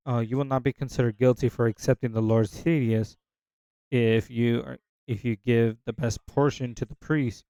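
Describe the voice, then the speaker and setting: A man's voice: mid-range voice, warm tone, clean tone, dry recording, rough recording. A man reading a Bible passage aloud in a casual way, stumbling over hard words and restarting lines. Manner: unsure of hard names, pauses to check pronunciation. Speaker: scripture reader.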